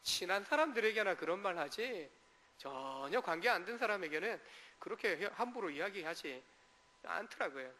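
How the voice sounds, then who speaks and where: In a church sanctuary, a male pastor preaches in a high-pitched, animated, sharp voice at normal speed, with a long reverb tail. He poses rhetorical questions to the congregation and briefly acts out short quotes in dialect.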